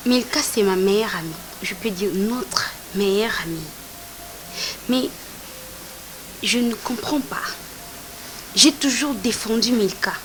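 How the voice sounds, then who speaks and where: A woman's voice: a little high, a little hiss or hum, low-quality recording. A woman, speaking in a troubled, pleading way to an elder. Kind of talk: film acting.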